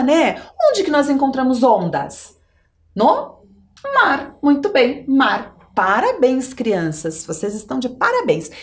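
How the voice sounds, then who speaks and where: A woman with a Brazilian Portuguese accent, a schoolteacher giving a televised lesson to young children, encouraging and drawing out her words. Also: sits high.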